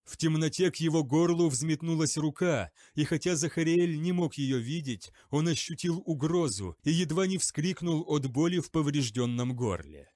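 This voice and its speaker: A man reading an audiobook in a steady, dramatic narrating style. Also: a little high, normal speed, hardly any pauses, dry recording, clean studio sound. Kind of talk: scripted narration.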